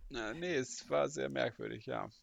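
A man's voice: medium pitch, normal speed, creaky, no room sound. A man in a casual podcast chat, telling an anecdote hesitantly, with many fillers and frequent laughs.

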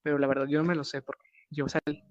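A young adult podcast co-host with a northern Mexican Spanish accent, telling a party story in slangy, animated casual chat and acting out what people said. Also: mid-range voice, quick pace, no room sound. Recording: dull, dry lo-fi podcast audio.

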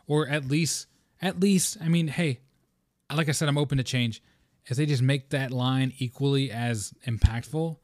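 A man's voice: mid-range voice, dry recording, studio quality. A man hosting a podcast, talking casually and passionately in a rambling way. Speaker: podcast host.

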